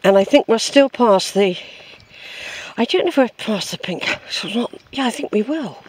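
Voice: mid-range voice, lively intonation, normal speed, slightly rough. A walking vlogger, chatting casually and musing aloud outdoors on a woodland track, recorded on a handheld camera. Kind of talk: rambling casual commentary while walking. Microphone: handheld camera's built-in microphone.

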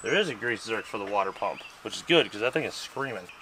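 Fast-talking and expressive, a man with a lowish, pushed, bright voice runs a vlog from a farm while repairing an old tractor. He chats casually, jokes, and sometimes mutters to himself, with slight background noise present.

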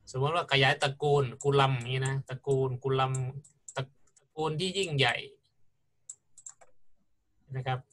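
Bright-voiced man giving a grammar lecture. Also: mid-range voice. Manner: patient, explanatory, asks students questions. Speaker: university lecturer.

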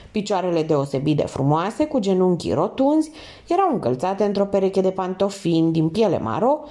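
Woman narrator, crime novel audiobook, mellow tone, lively pitch. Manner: reads in first person, lifts pitch for quoted speech. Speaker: audiobook reader. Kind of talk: reading a crime novel aloud.

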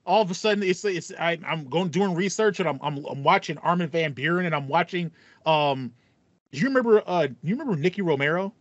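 In casual podcast chat, the young male host tells stories and acts out his reactions, speaking briskly in a voice on the high side. He records indoors in a small home room with a foam panel; the audio is dull but has no echo.

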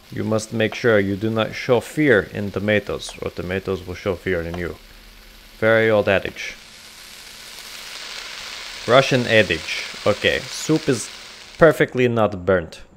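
A gravelly, fairly low-pitched male voice offers casual commentary on a cooking game. Putting on a comic Russian accent, he drops articles, rambles, and jokes to himself as he cooks.

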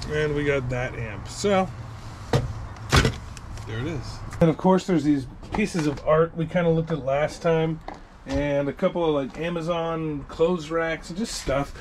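A man in his thirties who resells storage units vlogs outdoors beside a vehicle on an action camera, chatting casually as he unboxes his finds one by one. His fairly high voice is unhurried and upbeat, and loud background noise fills the recording.

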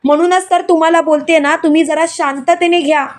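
Brief: scheming young woman, soft coaxing delivery, high voice, read by a woman narrator. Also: fairly even intonation, fairly quick. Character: scheming young woman, cajoling her father-in-law.

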